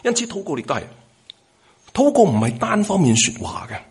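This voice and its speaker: A middle-aged male pastor preaching in a lively, conversational way, asking his listeners questions. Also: high voice, fairly quick, husky. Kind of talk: sermon on devotional practice.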